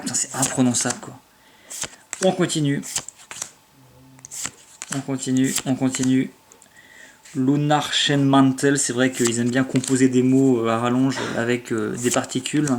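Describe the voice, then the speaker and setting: A man chatting casually and with enthusiasm while opening card packs, full of fillers and restarts, reading out foreign card names slowly. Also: medium pitch, a little hiss or hum.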